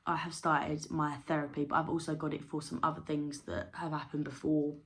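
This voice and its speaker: A woman's voice: sits low, flat delivery, a little fast. A young woman chatting candidly to camera as a vlogger, rambling with fillers. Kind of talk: casual chat to camera.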